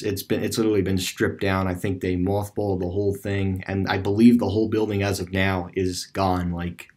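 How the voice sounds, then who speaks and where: A man with a low-sitting, darkish voice provides offhand, rambling voice-over for a screen-recorded map tour, visiting a closed store on street view for his video. He frequently uses fillers and restarts his sentences.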